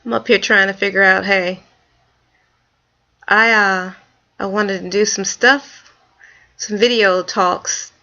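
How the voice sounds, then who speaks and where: A woman vlogger telling a story in a casual, animated, folksy way. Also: medium pitch, slow pace, pauses often. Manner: animated, folksy storytelling with Southern-leaning speech. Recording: dull lo-fi home video.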